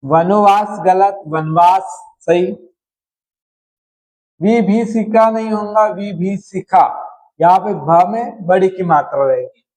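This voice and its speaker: In a slow spelling-correction lesson in Hindi, a man with a high, slightly mellow voice works through words one at a time. He often checks in with his students by saying "है ना." The recording quality is low.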